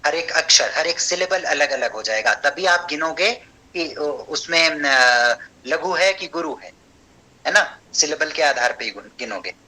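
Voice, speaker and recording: Man, teacher, online class, explains step by step, chants verses slowly, very bright tone. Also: on the high side, expressive, rough recording. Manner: explains step by step, often checks understanding. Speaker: Sanskrit teacher.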